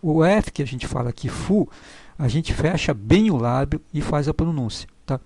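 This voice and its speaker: A man teaching pronunciation in a slow, patient way, spelling out syllables one by one and checking in with his listeners. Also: a little high, animated, darkish tone, slightly rough, dry recording. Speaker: language teacher. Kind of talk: explanatory lesson on pronunciation.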